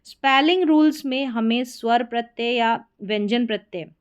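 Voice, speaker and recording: Woman teacher, patient, repetitive, slightly high voice, spelling lesson. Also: normal speed, smooth. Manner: patient, repeats points and checks with "theek hai". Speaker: English teacher. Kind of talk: explaining spelling rules in a lesson.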